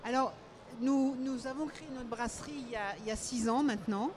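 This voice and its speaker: Middle-aged woman brewer, slightly high voice, explains stuff with lots of pauses, fair noise around. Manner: explanatory, hesitant with fillers. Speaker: brewery founder. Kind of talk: casual interview at a trade fair. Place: trade fair stage, indoors. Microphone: handheld mic. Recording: fair noise clearly audible.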